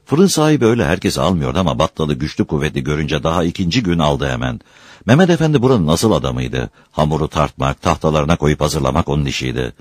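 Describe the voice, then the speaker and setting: Low-voiced man reading a story. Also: very animated, quick pace, dry recording, clean studio sound. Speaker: narrator.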